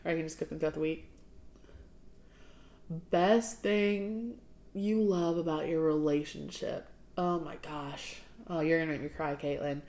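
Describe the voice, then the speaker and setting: Her voice is low and a little mellow, with a steady tone and measured pace, as this young woman from the southern US chats casually with her livestream viewers. Between questions she laughs a lot and sniffles because her sinuses are draining.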